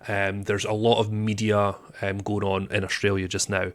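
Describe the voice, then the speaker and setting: A man with a fairly low voice, talking casually on a podcast. He rambles and restarts his sentences, easing into each point as he goes. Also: monotone, moderate pace. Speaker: podcast co-host.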